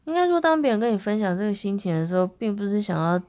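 A woman's voice: mid-range voice, very animated, fast talker, a little mellow. A woman co-hosting a casual podcast, telling her side of a small argument in an aggrieved way. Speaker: podcast co-host. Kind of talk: casual couple banter.

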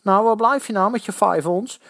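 A man's voice: high voice, moderate pace, gravelly, fairly bright tone, no echo, pitched above the performer's own voice. Man doing a jeering young butcher's boy. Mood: taunting. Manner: jeering, provocative.

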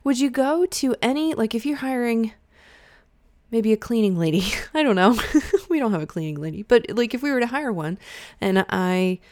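A woman's voice: fairly high pitch, expressive, normal speed, a little mellow, no echo, studio quality. A woman coaching freelance writers in a chatty, emphatic way, often laughing and acting out quoted lines. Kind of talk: instructional talk to camera.

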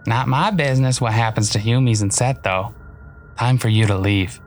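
A man's voice: mid-range voice, moderate pace, a little hiss or hum, pitched above the performer's own voice, lightly acted. A man voicing a sly, menacing male weasel-like creature with a slangy, threatening drawl in an audiobook. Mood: taunting. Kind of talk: audiobook narration.

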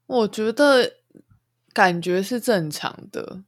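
A podcast co-host, talking calmly and thoughtfully in casual chat. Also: mid-range voice, takes it slowly, no echo, studio quality.

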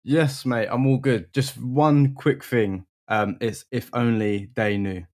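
A man's voice: mid-range voice, fairly even intonation, slow, darkish tone. A young man with a London accent, chatting casually as a podcast guest, friendly and full of ums. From England. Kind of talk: casual interview chat.

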